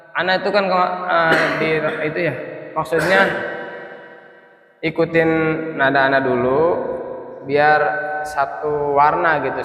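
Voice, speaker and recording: A man teaching a Quran recitation class, chanting syllables for students to repeat and explaining in quick, casual asides. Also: mid-range voice, fairly bright tone, reverberant, big-room sound. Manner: quick casual asides between slow sung examples. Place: prayer room, indoors.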